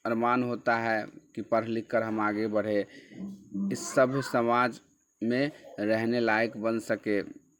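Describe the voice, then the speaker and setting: Slow, patient male teacher. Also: on the low side, flat delivery. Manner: patient, repeats key words and asks questions then answers them. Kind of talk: slow classroom explanation of a textbook chapter.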